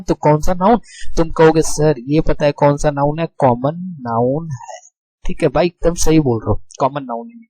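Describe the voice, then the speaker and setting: A man's voice: on the high side, darkish tone, no room sound, poor audio. A man teaching grammar to students in a casual, chatty way, asking the class questions and answering them himself while repeating key words.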